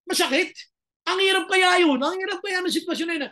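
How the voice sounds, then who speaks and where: A man's voice: very high-pitched, a little fast, pushed and bright. A middle-aged male pastor preaching a sermon through personal stories, slipping English lines into his talk and acting out the quotes.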